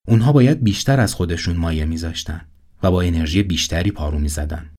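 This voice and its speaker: Deep-voiced male narrator. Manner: calm, earnest storytelling. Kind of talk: motivational voice-over narration.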